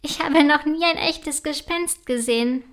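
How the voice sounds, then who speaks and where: A woman voicing a curious, kind little princess girl in a storybook, speaking gently and slowly. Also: high voice. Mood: dreamy.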